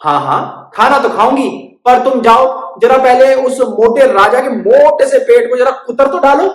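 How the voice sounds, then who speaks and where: Feisty little female bird, shrill and insistent, as a woman puts her on, storybook reading, roomy echo. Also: expressive, a little slow. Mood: demanding. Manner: shrill, pleading then demanding.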